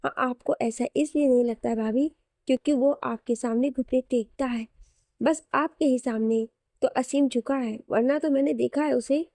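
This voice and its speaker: A woman voicing a warm, joking young man who speaks respectfully to his sister-in-law. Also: very high-pitched, fairly even intonation, moderate pace, creaky, no room sound, clean studio sound. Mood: affectionate. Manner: affectionate, joking.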